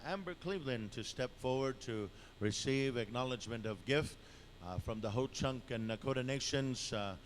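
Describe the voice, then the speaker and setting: A man working as a powwow emcee, announcing live in an informal, halting way and drawing out the names he calls. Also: medium pitch. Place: powwow dance arena. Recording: noisy live event PA announcement. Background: clear event noise and ambience.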